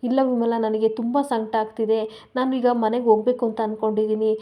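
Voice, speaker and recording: A woman's voice: a little high, little pitch movement, fairly quick, dull audio, close to an everyday voice. Middle-aged mother, wounded and reproachful; woman narrator voicing her. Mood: grieving. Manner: grieving, reproachful. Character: hurt middle-aged mother, bitter and tearful.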